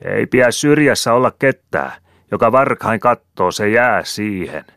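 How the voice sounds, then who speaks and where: A man voicing a stern old village gelder who shouts commands at a gathered crowd. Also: fairly low pitch, expressive, vocal fry, no room sound, studio quality, pitched above the performer's own voice. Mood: commanding.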